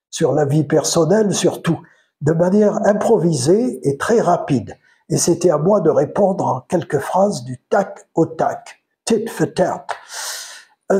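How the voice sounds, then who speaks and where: An older retired man with a Provençal French accent, musing in a casual solo monologue, pausing often with fillers. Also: fairly high pitch, mellow. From France. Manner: hesitant, many pauses and fillers; unhurried, chatty. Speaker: retired commentator.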